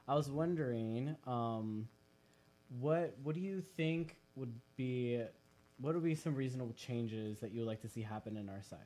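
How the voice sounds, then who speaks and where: A woman from Miami interviewing a guest in a casual chat, encouraging and asking questions with halting restarts. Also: very deep voice, warm tone, rough recording. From Miami, United States.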